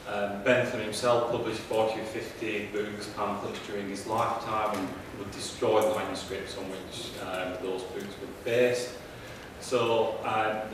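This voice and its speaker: A man's low-leaning voice comes through from a distance as he speaks on a conference panel. He is a professor seated at the panel table, using a handheld microphone, and his speech is halting, with many ums and restarts. The recording is noisy, and the echoey room sounds remote.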